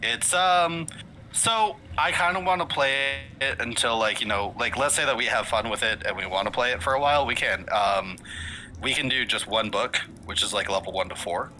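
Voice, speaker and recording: A man's voice: mid-range voice, normal speed, pushed and bright, a little hiss or hum, rough recording. A man running a tabletop game and chatting casually with his players on a voice call, rambling with lots of fillers and self-corrections while hiccuping. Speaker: game master. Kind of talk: casual session-zero chat with players.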